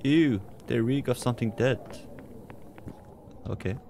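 A man's voice: medium pitch, measured pace, creaky, darkish tone, a little hiss or hum. A man casually commenting as he plays a horror game, muttering to himself with jumpy, nervous asides. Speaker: let's play gamer.

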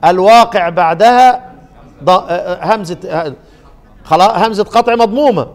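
High-voiced Egyptian teacher in an echoing hall. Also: male voice. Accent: Egyptian Arabic. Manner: quizzing students with leading questions, drawn-out quoted verses. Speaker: Quran recitation teacher. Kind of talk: classroom lecture on Quranic readings.

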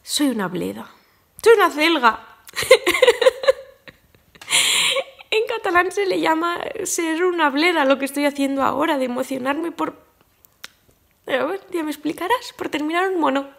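High-voiced woman wrapping up a crochet tutorial, all teary and sweet, whispers now and then. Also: expressive, normal speed, vocal fry. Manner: affectionate, emotional, drops into soft whispers. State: tearfully emotional. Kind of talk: casual crochet tutorial chat.

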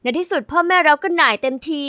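A woman narrates a first-person diary story with lively, sassy delivery. Her voice sits high and sounds bright and forward. The recording is close and dry, with no room sound. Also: very fast, dry recording.

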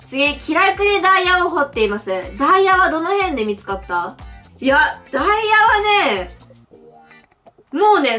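A young woman from Japan chats through a mobile quiz game, reading each question aloud and answering with blunt, giggly reactions. Her voice sits high and swings widely in pitch. Faint music plays behind her. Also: sharp tone. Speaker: game streamer. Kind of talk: casual playthrough commentary.

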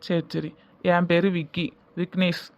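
A man's voice: high-pitched, level tone, measured pace, highs cut off. A man voicing an earnest, eager young groom who coaxes and repeats small requests, with a Tirunelveli accent, for a comedy cartoon. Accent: Tirunelveli Tamil. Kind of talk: cartoon voice acting.

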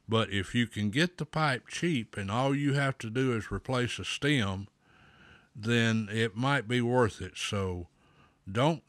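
A man hosting a pipe smoking show, giving slow, folksy advice with a pipe in his mouth. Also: mid-range voice, fairly bright tone, no echo. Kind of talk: casual talk to camera.

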